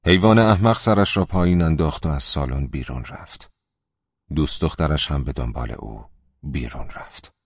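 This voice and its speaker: A man with an extremely deep voice reads an audiobook in a measured, steady way. The recording is dry with no room sound, and slightly dull and lo-fi in tone. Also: slightly rough, no echo. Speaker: audiobook narrator. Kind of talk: scripted audiobook narration.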